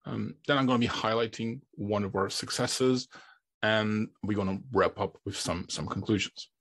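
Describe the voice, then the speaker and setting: Husky-voiced man giving a talk. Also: on the low side, fairly even intonation, normal speed, a bit bright. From Romania. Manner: repeats words and restarts phrases often. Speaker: conference speaker. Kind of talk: conference presentation.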